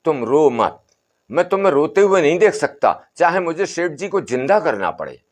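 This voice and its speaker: A man's voice: a little high, big pitch swings, normal speed, pitched above the performer's own voice. Man doing a stern, wily old holy man. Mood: insistent. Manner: insistent, repeating commands.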